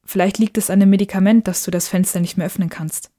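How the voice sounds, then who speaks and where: Soft, loving dreamlike mother, read by a woman. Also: medium pitch, steady tone, quick pace, close to an everyday voice. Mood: tender. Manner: soft and reassuring. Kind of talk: audiobook character voice.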